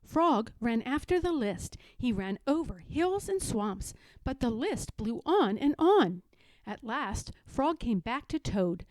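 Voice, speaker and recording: A woman narrating a children's story as a read-aloud, with expressive, deliberate delivery. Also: fairly high pitch, no room sound. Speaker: storybook reader.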